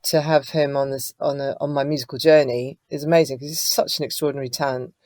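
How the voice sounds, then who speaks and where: A woman's voice: very deep voice, steady tone, quick pace, dry recording. A woman, a singer-songwriter guest, chatting casually in an interview and telling stories with many fillers. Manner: chatty, warm storytelling with frequent fillers.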